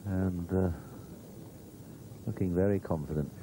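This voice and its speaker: A man's voice: low voice, steady tone, a little slow, mellow. A male golf commentator giving conversational live commentary, rambling along with humorous asides. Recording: noisy old TV broadcast audio.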